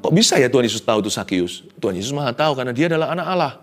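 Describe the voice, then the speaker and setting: A man preaching a sermon in an animated way, slipping English phrases into his talk. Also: mid-range voice, rapid-fire, soft background music. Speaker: pastor.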